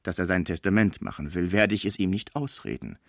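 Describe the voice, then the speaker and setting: Dignified doctor, measured and formal, read by a man, low voice, dry. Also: expressive, creaky, dry recording, full character voice. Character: cautious, dignified male doctor. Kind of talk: audiobook character voice.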